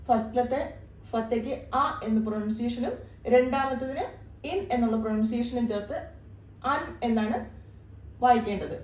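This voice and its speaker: A woman tutor explains a lesson in a patient, methodical way, going over each point more than once. Her voice sits a little high. She is recorded at some distance from the mic in an echoey room. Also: darkish tone. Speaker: Arabic tutor. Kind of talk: step-by-step lesson.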